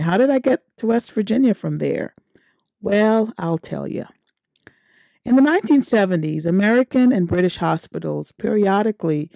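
A middle-aged woman from Guyana, hosting a podcast and telling her own story in a measured, earnest way. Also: lowish voice, creaky, mellow, dry recording. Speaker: podcast host. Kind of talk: scripted personal monologue.

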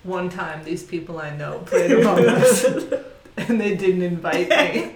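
Wry, deadpan woman in an echoey room. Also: on the low side, measured pace, over a noisy crowd. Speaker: podcast co-host. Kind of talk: casual chat. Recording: roomy echo.

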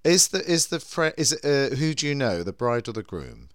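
A middle-aged man with a British accent hosts a casual chat. He is camp and expressive, rambling along with very lively intonation in a dry, close recording. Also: mid-range voice, moderate pace, dry recording. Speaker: podcast host.

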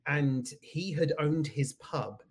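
A British executive coach in his forties, appearing as a guest in a casual interview, speaks reflectively with self-deprecating humor and plenty of ums. His voice sits on the high side, slow with a breathy edge.

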